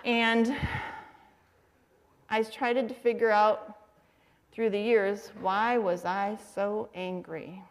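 A middle-aged woman teaching a faith-based class. She tells lively stories and asks her listeners questions. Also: mid-range voice, slow pace, long pauses. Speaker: Bible study teacher.

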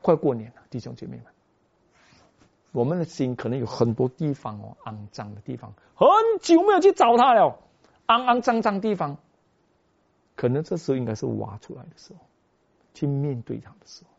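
A man preaching a sermon as a pastor, telling a story with animated delivery that swings between soft and loud. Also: mid-range voice, a little fast, creaky, long pauses. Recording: dull lo-fi recording.

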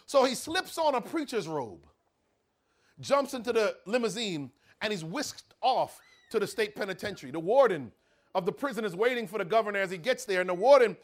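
A male preacher delivering a sermon as a dramatic story. His voice is high and he builds intensity through pauses and repetition. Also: very animated.

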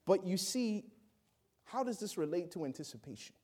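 A man preaching a sermon, swinging between loud exclamations and quiet asides and acting out the people he quotes. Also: high voice, sing-song, normal speed. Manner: acts out quoted voices.

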